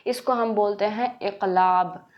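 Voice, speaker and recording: A woman's voice: medium pitch, steady tone, unhurried, highs cut off. A woman teaching a recorded tajweed lesson, patient, repeating key points and answering her own questions. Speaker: Quran teacher.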